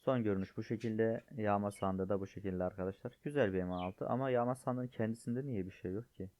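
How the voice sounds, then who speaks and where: A man's voice: lowish voice, fairly quick, a little mellow, no echo. A man who is sick and strained, chatting casually to viewers while showing off game items. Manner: chatty, addresses viewers as friends. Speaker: gaming YouTuber. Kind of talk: casual gameplay commentary. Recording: dull, lo-fi dry sound.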